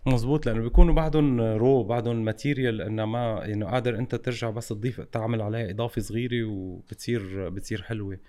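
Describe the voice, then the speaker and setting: A man's voice: lowish voice, fairly even intonation, very fast, few pauses, warm tone. A man with a Levantine Arabic accent from Lebanon, interviewing in a casual, reflective way and slipping English phrases into his speech.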